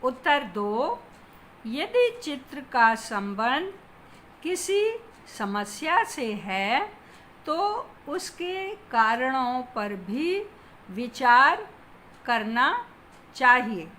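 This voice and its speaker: A woman teacher giving a Hindi lesson to children, dictating slowly and stressing each word. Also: high voice, big pitch swings, bright, forceful tone, slight background noise. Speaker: school teacher.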